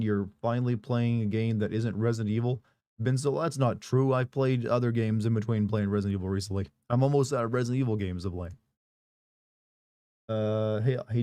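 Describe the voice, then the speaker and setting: On a live stream, a man whose hoarse voice is still recovering rambles casually, reading viewer messages and making offhand jokes. His medium-pitched voice has a dark, mellow tone, captured dry and close with no room echo.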